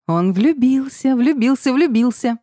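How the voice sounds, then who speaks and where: A woman voicing a volatile young dark witch in an audiobook, with shrill laughing taunts that turn into sobbing wails. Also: normal speed, dry recording, clean studio sound, close to an everyday voice. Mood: gleeful taunting.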